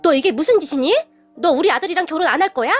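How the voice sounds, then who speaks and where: A woman's voice: high-pitched, expressive, quick pace, soft background music. A woman voicing a nagging, snobbish middle-aged mother-in-law-to-be who complains in a whiny voice. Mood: shrill scolding.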